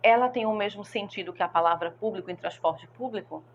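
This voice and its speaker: A woman teacher explains grammar exercises step by step in a patient, explanatory way. Her voice sits at an ordinary middle pitch. A faint hum runs under the recording. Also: fairly quick, lo-fi sound. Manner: patient, explanatory, often checks with students. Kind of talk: teaching a Portuguese grammar lesson.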